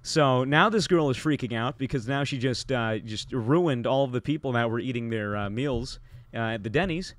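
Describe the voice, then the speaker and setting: A man's voice: mid-range voice, normal speed, few pauses, no room sound. A young man telling a long story on a podcast, rambling with lots of fillers and restarts.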